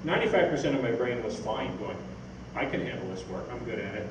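In an event hall, an older science fiction writer speaks fast with lively intonation and a medium pitch, telling anecdotes in a rambling, informal talk and fielding questions from the audience. The sound, caught by a distant camera mic, is noisy and echoey.

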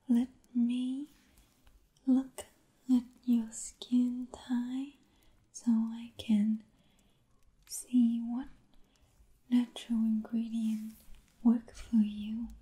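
Gentle young princess played by a woman, Vietnamese accent, whispered role-play; very slow, breathy, extremely soft and mellow delivery. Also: a little high, little pitch movement. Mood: gentle, attentive. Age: young adult. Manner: slow, soothing, attentive, halting short phrases.

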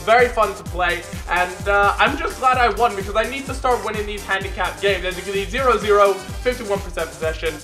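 A young man giving excited, casual gameplay commentary with animated, jokey banter and exclamations. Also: high-pitched, brisk, hardly any pauses. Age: young adult. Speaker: gaming video host. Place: bedroom, indoors. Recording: echoey room, music behind. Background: music.

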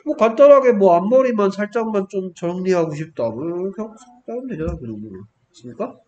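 A man's voice: sits high, lively intonation, quick pace, a little mellow, muffled recording, slight background noise. A man teaching English grammar exercises, working through each answer and often checking in with rhetorical questions.

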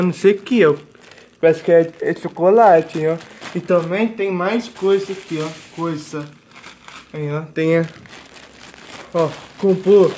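Over the clear rustle of plastic bags, a high-pitched teenage vlogger with a Brazilian accent chats about his grocery haul in a home kitchen. He's casual and repetitive, pointing things out with filler tags.

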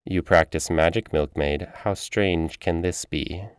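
A man reading the part of an aloof, ageless female witch, speaking slowly and tersely. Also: low voice, clean tone, no echo, studio quality. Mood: cold, curt.

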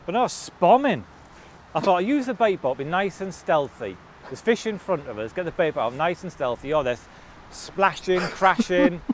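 A British man chats in loose, casual banter on a lake bank. His voice is a touch high and moves up and down a lot. Outdoor ambient noise sits behind him. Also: animated, normal speed. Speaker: angler in a fishing challenge.

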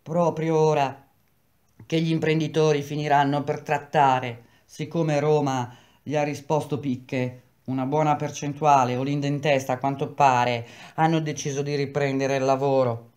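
A woman voicing a weary male builder and strike leader who speaks in a grave, measured, brooding way. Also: low voice, level tone, darkish tone, close to an everyday voice. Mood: grim.

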